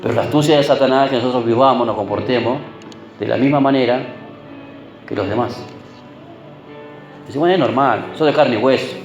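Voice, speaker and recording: A man's voice: mid-range voice, darkish tone, echoey room, muffled recording. A man preaching a sermon. He keeps checking in with the congregation through short tag questions and repeats words for emphasis.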